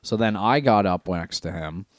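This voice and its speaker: A man's voice: low voice, animated, moderate pace, dry recording. A man co-hosting a podcast in casual chat, blunt and profane as he tells fight stories. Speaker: podcast co-host.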